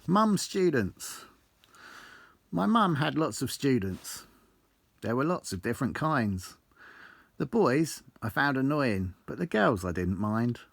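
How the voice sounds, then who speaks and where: A man, the author, recites his own rhyming autobiographical verse from his book in a theatrical, blunt and sweary storytelling style. His medium-pitched voice is sing-song and slow with vocal fry, and the recording is dry.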